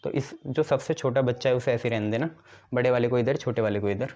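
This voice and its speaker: A male chemistry teacher, his mid-range voice a little mellow and a little fast, delivers a classroom lecture built around memory tricks. He works step by step, answers questions he poses himself, and keeps asking "ठीक है". The audio is a dull lo-fi recording.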